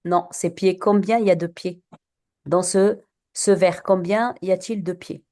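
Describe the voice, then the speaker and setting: A woman's voice: on the low side, steady tone, measured pace, warm tone. A woman teacher giving a classroom lesson on poetry, patient and questioning, with many fillers and restarts.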